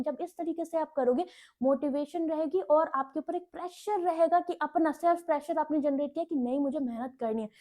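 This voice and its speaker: A woman's voice: high voice, darkish tone. A young woman teacher giving direct, instructive bank exam preparation advice in a lecture, often checking in with her students. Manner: direct, instructive, frequent "ठीक है" check-ins. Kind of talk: Hinglish exam-prep lecture.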